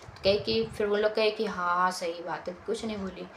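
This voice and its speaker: A woman's voice: medium pitch, steady tone, moderate pace, a bit bright, rough recording. A young woman, telling a story from her school days in a casual vlog and repeating her phrases often. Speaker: vlogger. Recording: faint background noise.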